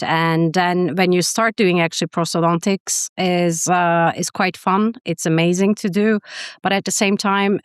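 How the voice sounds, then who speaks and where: A woman's voice: lowish voice, clear, resonant tone, no echo, studio quality. A woman from Turkey, a guest on a podcast interview, answering hesitantly with many fillers and restarts. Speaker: guest, prosthodontist and university faculty member.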